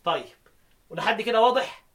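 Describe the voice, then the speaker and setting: In a lesson on recitation readings, a man with an Egyptian Arabic accent slowly chants verses and answers the questions he raises himself. His voice is high, expressive, and a bit bright.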